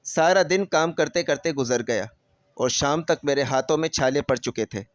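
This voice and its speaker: A man narrating a scripted first-person story in a steady, emotional storytelling manner. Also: a little high, no echo, clean studio sound.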